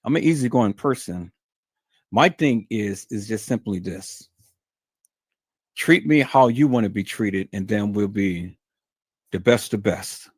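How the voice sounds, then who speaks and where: A livestream host with a husky, mid-range voice delivers an unscripted monologue to his viewers in a stern, emphatic, lecturing way. There's no room sound on the recording.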